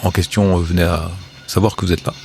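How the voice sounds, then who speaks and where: A man running a tabletop role-playing game, narrating in a halting, improvised way. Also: low voice, flat delivery, gravelly, a little mellow, slight background noise. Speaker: game master.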